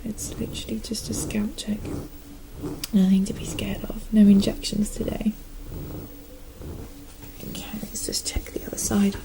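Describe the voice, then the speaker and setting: A woman doing a whispered role-play as a gentle, calm nurse, speaking in a soft, breathy half-whisper with a reassuring manner. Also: medium pitch, unhurried, long pauses, poor audio. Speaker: ASMR performer playing a nurse.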